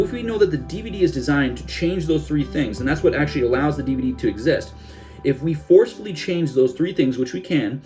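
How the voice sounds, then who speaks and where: A young man talks through self-help steps in a loose, conversational way, his voice a touch high for a man. He keeps it energetic and chatty, full of little asides. A soft guitar plays faintly behind him. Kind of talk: casual instructional talk to camera.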